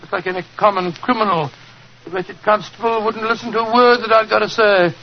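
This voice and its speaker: Creaky, high-voiced, flustered English doctor. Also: male voice, steady tone, brisk. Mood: rueful, indignant. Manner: blustering, indignant, stammering. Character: elderly flustered English doctor, loyal, easily mortified. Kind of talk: 1940s radio drama acting. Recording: dull, hissy old radio recording.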